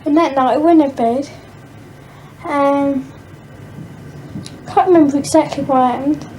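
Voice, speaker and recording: A woman's voice: high voice, unhurried, noisy background. A woman, answering an interviewer's questions at home in a plain, matter-of-fact way.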